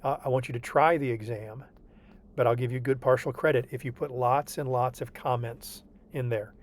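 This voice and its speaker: In an online tutoring session, a man walks a student through homework with patience and reassurance, often asking "okay?". His voice is mid-range and steady, at a moderate pace.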